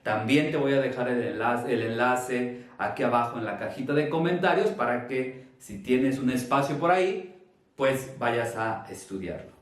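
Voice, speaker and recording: A man with a Mexican accent teaching a Spanish grammar lesson, speaking deliberately and stressing syllables to demonstrate them. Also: medium pitch, expressive. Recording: very echoey room, from far off.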